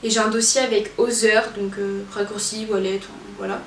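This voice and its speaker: A woman's voice: mid-range voice, little pitch movement, brisk. A young woman vlogging in a casual, rambling way, full of fillers and hesitations. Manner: chatty, rambling with many fillers. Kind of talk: casual chat. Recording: echoey room, from a distance, faint noise.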